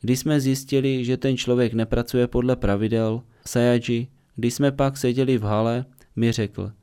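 A man reads a spiritual discourse in a mellow, dark voice. He sounds smooth and resonant, and his delivery is calm, measured and earnest throughout. It is a steady voice-over reading of a meditation talk. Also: mid-range voice.

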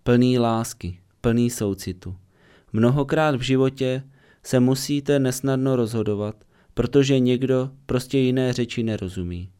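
Male voice-over reader for a meditation talk. Warm and smooth, measured and earnest. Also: medium pitch. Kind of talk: calm dubbed reading of a spiritual discourse.

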